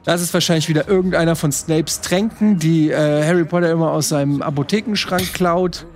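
A man's voice: a little high, steady tone, fairly quick, soft background music. A man in his thirties chatting casually as a panelist, with a mocking, jokey way of exaggerating. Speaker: panelist on a games show. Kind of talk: casual chat and joking commentary. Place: studio living-room set, indoors.

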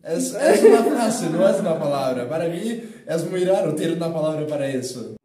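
A man's voice: fairly high pitch, big pitch swings, moderate pace, roomy sound, far from the mic, a crowd in the background. A young man from Brazil, a Portuguese speaker, answering with amused light laughter in a room by a window. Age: young adult. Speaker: language student. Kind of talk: casual interview answer.

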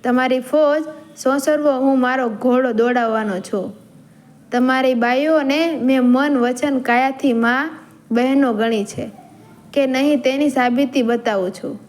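A woman's voice: high-pitched, steady tone, measured pace, darkish tone. A woman storyteller voicing a bold young male warrior chieftain who scorns death, speaking in proud, defiant declarations.

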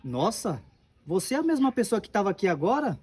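Brief: Brazilian man, playing a humble lecturing worker, fast and husky. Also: high-pitched, sing-song, a little mellow, heavily acted. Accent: Brazilian Portuguese. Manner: patient, moralizing. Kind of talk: amateur comedy skit acting.

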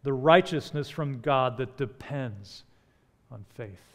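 A man in his forties, a pastor preaching a sermon from a church stage pulpit, rising for emphasis and dropping soft and slow on key words. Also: mid-range voice, expressive. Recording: long hall reverb.

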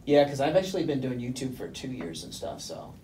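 A man's voice: mid-range voice, sing-song, fairly quick, mellow. A man in his forties asking casual interview questions in a small room, away from the microphone. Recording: roomy, distant mic, faint noise.

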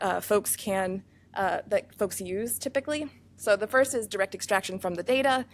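A woman scientist giving a conference research talk, explaining fast and earnestly, with many fillers and self-corrections, over a microphone in a room with speakers. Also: medium pitch. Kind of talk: academic conference presentation. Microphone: microphone feeding room speakers.

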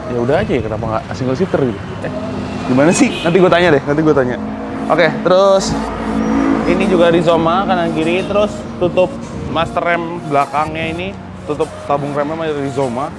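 A young man hosting a casual motorcycle walkaround, excitable and slangy, talking outdoors in a garage courtyard on a lapel mic. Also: fairly high pitch, brisk, heavy background noise. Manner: excitable, slangy, thinking aloud. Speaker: motorcycle vlog host.

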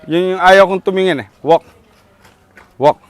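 A man with a Filipino accent, a dog trainer coaching an owner outdoors with calm, repeated short commands. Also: sits high, a little slow, smooth, no room sound.

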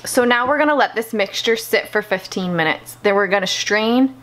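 A woman's voice: mid-range voice, normal speed. A woman in her thirties talking through a home recipe in a chatty, candid way. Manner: chatty, candid, self-deprecating. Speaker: home cooking vlogger. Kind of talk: casual kitchen vlog. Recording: echoey room with background noise.

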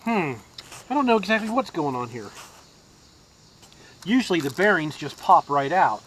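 Recorded on a head-mounted camera in a yard, a DIY mechanic talks through a casual outdoor repair, thinking aloud with fillers and restarts. His voice is a little high and sing-song, fairly bright, at a normal pace. Crickets and insects add slight background noise.

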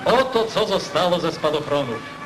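A man's voice: on the high side, animated, normal speed, rough recording. A man giving stirring, declamatory narration over an old newsreel soundtrack. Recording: newsreel voice over loud music.

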